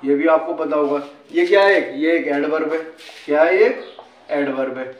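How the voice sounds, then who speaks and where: Indian guy teaching english words, kinda high voice, echoey room, asks then answers himself. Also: normal speed. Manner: repeats questions and answers them himself. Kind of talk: casual classroom-style explanation.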